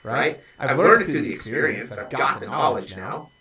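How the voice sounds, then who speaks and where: A man's voice: medium pitch, big pitch swings, normal speed, creaky, reverberant, crowd noise. Earnest man in his forties, off mic. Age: 40s. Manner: earnest, blunt confessional talk. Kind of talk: casual conversation. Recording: voice from a distance off mic.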